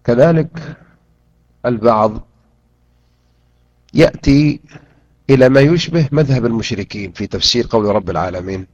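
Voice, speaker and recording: A man teaching a Quran interpretation lesson, drilling pronunciation and repeating words slowly and deliberately. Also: mid-range voice, darkish tone, no room sound. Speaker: Islamic teacher. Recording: dull lo-fi recording.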